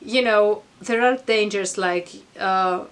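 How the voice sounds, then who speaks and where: A woman's voice: medium pitch, slow pace, a bit bright. A middle-aged woman giving an informal explanatory talk to camera in a reflective, earnest, conversational manner. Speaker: vlogger. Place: attic at home.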